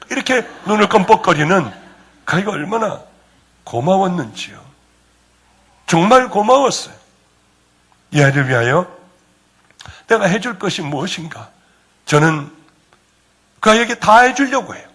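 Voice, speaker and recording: Male pastor, husky and lively-pitched, storytelling sermon with softly acted dialogue. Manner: acts out dialogue in soft low tones, rising emphatic at climaxes.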